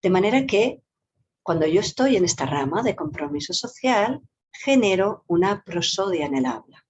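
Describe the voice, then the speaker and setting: A woman, a psychologist and yoga teacher, explaining a topic in a talk with lively, varied intonation and playful vocal demonstrations. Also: mid-range voice, normal speed, slight background noise. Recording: dull lo-fi recording.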